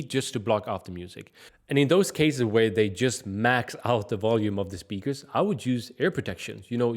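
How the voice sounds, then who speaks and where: A man from Sweden, giving direct, conversational advice in a casual fitness vlog. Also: on the low side. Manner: direct, conversational, frequent "like" and "I mean" fillers. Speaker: fitness vlogger.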